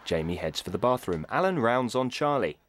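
A man's voice: mid-range voice, big pitch swings, a little fast, background noise. A man giving scripted audio description narration of what happens on screen.

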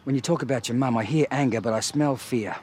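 An actor playing a crude, sarcastic talking dog who is needy and blunt, with deadpan needling in a TV comedy-drama. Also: male voice, medium pitch, fast, a little hiss or hum, lightly acted.

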